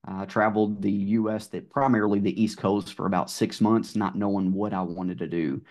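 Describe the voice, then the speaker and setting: A middle-aged man with a Southern drawl, telling his car sales story in a relaxed podcast chat full of fillers. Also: fairly low pitch, moderate pace. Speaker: guest, car sales manager. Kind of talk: casual podcast conversation.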